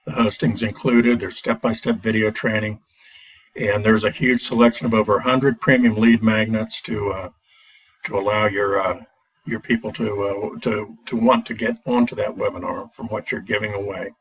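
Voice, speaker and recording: This low-leaning male voice is breathy, with fairly even intonation and a moderate pace. He stumbles through a casual product review full of "uh"s and false starts, captured distantly on a laptop's built-in microphone with a dull, lo-fi quality.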